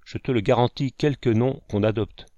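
A man voicing a gruff older frontier sergeant who gives brisk, scolding orders to his son in a storybook reading. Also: mid-range voice, warm tone, no echo, highs cut off, natural voice. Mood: commanding.

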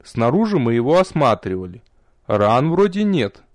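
A man voicing a nervous, sullen teenage apprentice boy in an audiobook, speaking gruffly and hesitantly. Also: mid-range voice, big pitch swings, normal speed, dry recording, studio quality, close to an everyday voice. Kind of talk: audiobook character voice.

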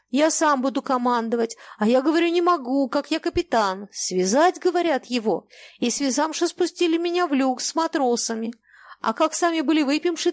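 A woman's voice: high voice, no room sound, pitched above the performer's own voice. A woman voicing a guilt-ridden river captain who speaks in a deferential, plodding folksy way. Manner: deferential, plodding, apologetic common speech.

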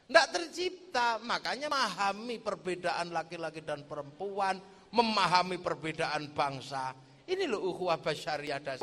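Preacher guy joking through his sermon, bright high voice, long hall echo. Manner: joking, storytelling, mixes in sung verses.

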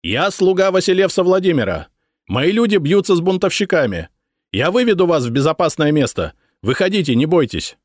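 A man voicing an angry, commanding male noble officer who shouts orders in a raised voice. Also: a little high, very animated, fairly quick, no room sound, clean studio sound, voice pushed up. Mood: commanding, irritated. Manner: shouting, impatient.

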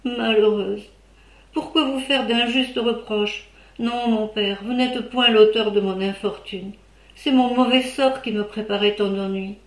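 A woman's voice: on the high side, fairly even intonation, a little slow. A woman voicing a distraught young noblewoman who begs her old servant for help, in an imploring, tearful manner. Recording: roomy echo.

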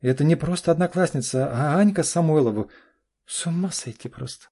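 A man's voice: a little high, a little fast, dark tone, slightly rough, pitched above the performer's own voice. A man voicing a pushy, anxious young adult daughter in an audiobook, pleading and insistent. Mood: worried. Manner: pleading, insistent, keeps saying "dad". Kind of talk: audiobook character voice.

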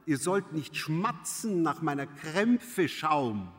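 Aggrieved maid narrating a quarrel, read by a man, slow, long reverb. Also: a little high, very animated. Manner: aggrieved, vivid storytelling. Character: bitter serving maid retelling an insult, woman.

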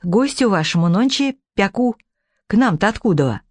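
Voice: medium pitch, animated, normal speed, dry recording, close to an everyday voice. Pious old peasant woman, as a male reader puts her on, rural dialect, dry recording. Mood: chatty.

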